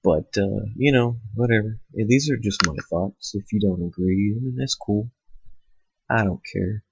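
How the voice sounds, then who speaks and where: A host with a cold and a stuffed-up nose rants bluntly and with plenty of swearing on his own show, rambling and using lots of fillers. His voice is lowish and creaky at a moderate pace, recorded through a cheap microphone in a lo-fi home setup with a noisy background.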